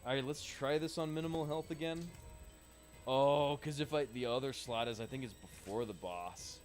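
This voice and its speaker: A man talks loosely through a let's-play, cursing at enemies and chatting with his viewers between fights. His voice is of ordinary pitch, with faint game music underneath. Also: normal speed. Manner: swears freely, chats loosely while playing. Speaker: game streamer. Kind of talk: casual let's-play commentary.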